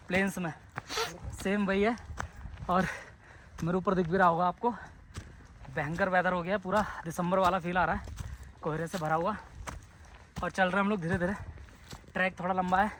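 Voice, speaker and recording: High-voiced man vlogging on a noisy trail. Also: fairly even intonation, normal speed, long pauses, fairly bright tone. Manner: chatty, talks to viewers while trekking. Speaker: travel vlogger. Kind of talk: casual vlog narration to viewers. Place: outdoor hill trek in fog.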